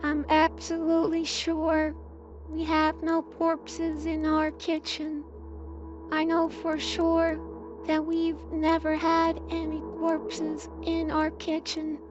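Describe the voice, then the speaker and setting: A woman's voice: sits high, completely flat delivery, slow pace, dull audio, music in the background. A woman playing a horror game, her voice run through a robotic auto-tune filter, commenting and reading the game's text aloud in a sing-song way.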